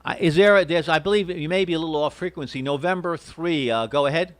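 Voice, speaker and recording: A man's voice: a little high, quick pace. A courteous, hesitant man operating an amateur radio station, spelling out call signs in phonetics.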